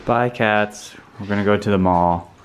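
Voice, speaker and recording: A man's voice: fairly low pitch, normal speed, slight background noise. A young man chatting casually in a daily vlog, laid-back and rambling, with lots of fillers. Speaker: vlogger.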